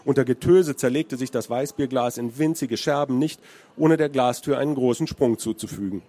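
A man's voice: medium pitch, normal speed, warm tone. A man from Hesse, a crime author, reading from his novel and then answering questions with many hesitant fillers. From Hesse, Germany.

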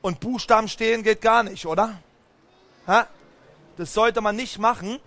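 A high-voiced man telling a picture-book story to a crowd of children. He is animated and keeps turning to the kids with questions. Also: normal speed. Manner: animated, talks straight to the children, asks them questions. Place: book fair stand.

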